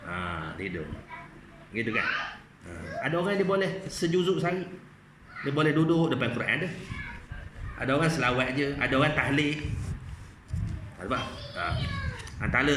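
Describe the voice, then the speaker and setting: A man's voice: mid-range voice, fairly quick, long pauses, noisy background. A man giving an evening lecture in a mosque, chatty and conversational, often checking in with rhetorical questions. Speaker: religious lecturer. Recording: echoey mosque hall.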